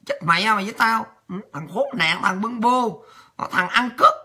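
A woman's voice: medium pitch, moderate pace, sharp tone, a little hiss or hum. A woman delivering an angry, profane, taunting rant as a political vlogger. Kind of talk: ranting monologue.

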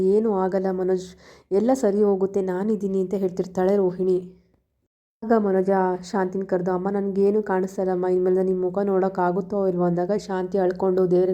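A woman's voice: mid-range voice, mellow, dull audio. A woman with a Kannada accent retelling a TV serial episode, reading the characters' lines plainly. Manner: plain storytelling, reads characters' lines without acting them. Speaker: serial recap narrator.

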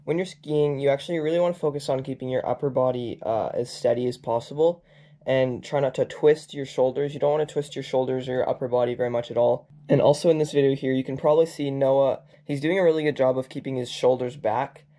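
A man's voice: mid-range voice, steady tone, fast talker, dark tone. Guy coaching skiing, chill tone, tips with lots of uh and um. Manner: casual, points out tips with fillers. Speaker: ski coach. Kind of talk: instructional commentary.

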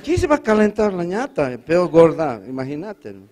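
Bolivian comedian telling stage jokes. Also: male voice, fairly high pitch, big pitch swings, normal speed, a little mellow, some chatter behind. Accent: Bolivian Spanish. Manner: storytelling with funny voices and mock stutter. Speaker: stand-up comedian. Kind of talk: stand-up comedy routine.

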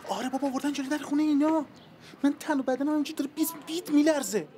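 A trembling man in a sitcom, talking hushed and low. His voice shakes with nerves. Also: slight background noise. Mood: anxious. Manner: hushed, shaky. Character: Bahram, a shaky man on the phone.

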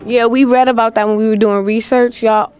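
Brief: teen girl host, chatty and upbeat, high voice. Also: steady tone, fairly quick, a little mellow, smooth, no room sound. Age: teens. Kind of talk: teen TV interview.

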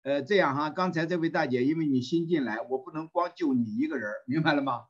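A man teaching a volunteer English class over an online call. He reads phrases slowly and repeats them, with many fillers and throat clearing. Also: on the high side, muffled recording.

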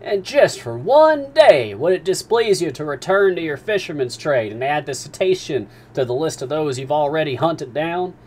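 A man's voice: a little high, lively intonation, moderate pace, few pauses, a little hiss or hum, voice pushed up, natural voice. A man doing a stern, commanding sea captain. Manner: formal, commanding.

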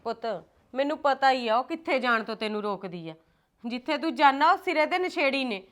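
A woman's voice: sits high, animated, brisk, a bit bright. A middle-aged actress playing a patient mother who soothes and admonishes her grown children. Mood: soothing. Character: patient mother pleading for family peace. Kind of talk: film drama dialogue.

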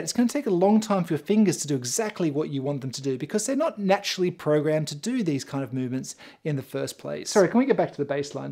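Lively, mellow-voiced woman teaching bass. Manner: clear, encouraging step-by-step explaining. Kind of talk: instrument tutorial.

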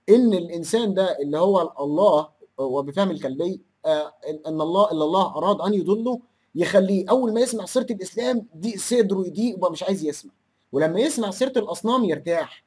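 A man's voice: a little high, a little mellow, breathy edge. A man with an Egyptian Arabic accent hosting a commentary show, arguing his point with rhetorical questions and reading out quoted passages. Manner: argumentative, full of rhetorical questions. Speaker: host of a religion-critique channel. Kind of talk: argumentative commentary with read-out quotes.

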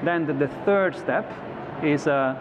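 At a trade show studio set on the convention floor, a man in his thirties appears as an executive guest, talking at a measured pace in a fairly high voice. His answers are considered yet full of fillers and false starts. The recording has a slightly muffled quality and noticeable background noise.

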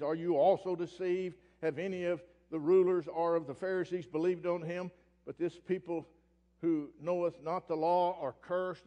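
High-pitched preacher in a reverberant hall. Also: male voice, gravelly. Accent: Oklahoma Southern US. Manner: swings from loud ranting to low quiet reading. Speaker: pastor. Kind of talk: fiery preaching sermon. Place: church sanctuary. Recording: long church hall reverb.

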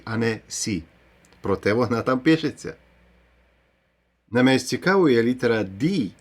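Male teacher for a video lesson, explains rules clearly and sounds out example words. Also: mid-range voice. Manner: explains step by step, pronouncing English example words. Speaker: English pronunciation teacher.

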